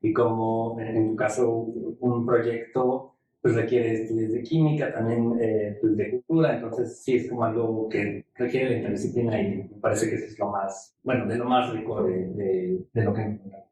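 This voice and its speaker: Halting man in a roomy space. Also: on the low side, steady tone, dark tone. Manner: halting, searching for words. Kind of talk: reflective academic discussion. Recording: roomy, distant microphone.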